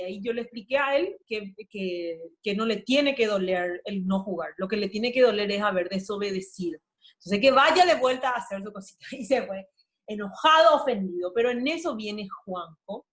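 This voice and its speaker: A woman leads a discipleship talk for women, telling a family story in a conversational way with many fillers. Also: mid-range voice. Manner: conversational, often adds "¿verdad?", many fillers. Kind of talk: devotional teaching with a family anecdote.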